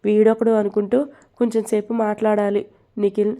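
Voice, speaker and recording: A young adult woman reads a story aloud and speaks every character's lines in one steady voice. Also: mid-range voice, fairly quick. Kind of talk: scripted story narration with character dialogue.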